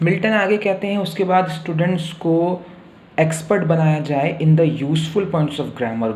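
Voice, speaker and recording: A man's voice: fairly high pitch, a little mellow. A man teaching a literature lesson, explaining step by step and often checking in with "okay". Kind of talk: spoken literature lecture. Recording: echoey room with faint hiss.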